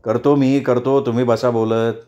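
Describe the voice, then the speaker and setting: A man's voice: medium pitch, little pitch movement, normal speed, dark tone, highs cut off, lightly acted. A man voicing a good-humored, easygoing husband in a storybook reading, playful.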